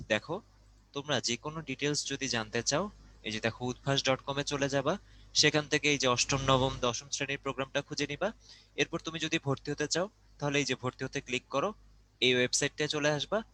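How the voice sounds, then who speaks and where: A man's voice: medium pitch, bright, forceful tone. A man hosting an online class, closing it and explaining step by step how to enroll. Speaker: class host. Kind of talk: wrapping up a class with announcements.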